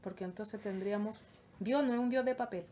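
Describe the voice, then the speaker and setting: A woman's voice: medium pitch, brisk. Chilean woman giving an earnest youth talk. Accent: Chilean Spanish. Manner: earnest, animated, acts out quoted voices. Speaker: youth group speaker. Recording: dull lo-fi recording, faint noise.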